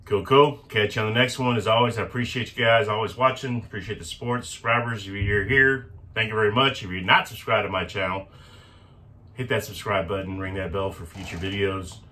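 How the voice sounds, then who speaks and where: A man's voice: fairly low pitch, fairly even intonation, fairly quick, bright, forceful tone. A man hosting a casual cooking vlog at an outdoor grill, upbeat and repeating words for emphasis. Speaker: cooking channel host.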